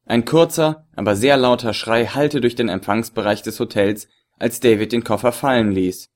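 A man reading a novel aloud in measured, scripted narration. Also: mid-range voice. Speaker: audiobook narrator.

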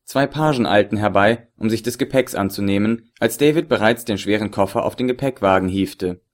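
A man reading a novel aloud in measured, scripted narration. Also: fairly low pitch. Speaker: audiobook narrator.

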